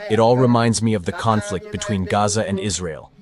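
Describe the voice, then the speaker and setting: A man's voice: lowish voice, fairly quick, over music. A man from Bangladesh speaking as an interviewee in a plain, earnest way.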